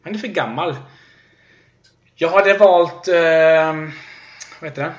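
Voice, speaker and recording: A man co-hosting a casual podcast chat, joking and rambling with quick asides. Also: on the high side. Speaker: podcast co-host. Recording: roomy, dull lo-fi sound.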